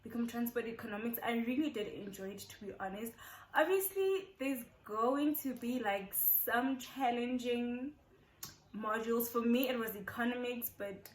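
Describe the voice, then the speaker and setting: A woman's voice: on the high side, moderate pace. A young South African woman in her twenties, chatting casually to her channel and repeating points for emphasis. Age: 20s. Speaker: YouTuber. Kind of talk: casual get-to-know-me chat. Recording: echoey room.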